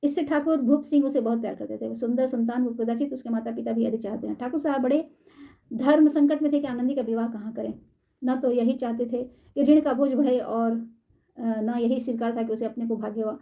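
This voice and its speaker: A woman storyteller reading a classic short story aloud in a measured, formal way. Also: fairly high pitch, fairly even intonation, vocal fry, highs cut off.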